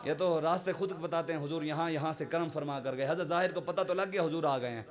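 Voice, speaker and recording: High-voiced fervent Punjabi-accented preacher. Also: male voice. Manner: fervent, swinging between loud declarations and hushed storytelling. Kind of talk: sermon at a religious gathering. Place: devotional gathering.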